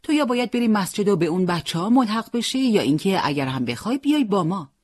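A storyteller voicing an adult male militia leader from Tabriz who gives firm, brisk orders to his squad. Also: mid-range voice, sing-song, a little mellow, dry recording, clean studio sound, voice pushed up. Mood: commanding. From Tabriz, Iran.

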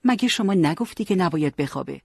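Man playing a worn-out young guard, plain earnest talk, husky. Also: fairly high pitch, expressive, a little mellow, no room sound, voice pushed up, heavily acted. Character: tired, dutiful young male fighter on guard.

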